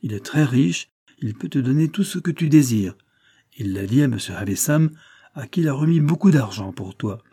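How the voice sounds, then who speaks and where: A man reading an audiobook, voicing a gentle, tender young widowed mother speaking to her son. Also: on the high side, little pitch movement, fast talker, few pauses, husky, pitched above the performer's own voice.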